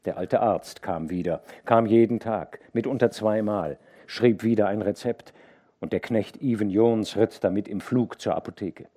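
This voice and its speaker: A man narrating a classic novel as an audiobook, with measured, expressive storytelling. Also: lowish voice. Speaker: audiobook reader.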